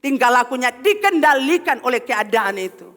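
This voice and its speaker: A woman pastor with an Ambonese Malay accent preaching an animated sermon in a church, calling on the congregation for responses. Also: high-pitched, moderate pace. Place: church hall. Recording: long hall reverb.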